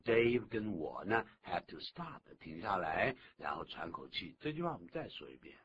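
Animated male radio English teacher. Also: moderate pace. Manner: animated, exaggerated pitch jumps when demonstrating. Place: radio studio. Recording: dull lo-fi radio recording, faint hiss.

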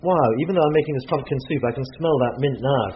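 An English author cooks in his home kitchen while chatting enthusiastically in a casual interview. He's a fast talker with a fairly high voice, and the lo-fi recording has slight background noise.

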